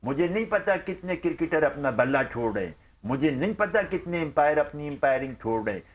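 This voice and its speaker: This is a man, speaking as a sports journalist on a studio panel, with a slightly high voice. He talks theatrically and indignantly, swinging into loud, exasperated outcries. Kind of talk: dramatic emotional talk-show rant.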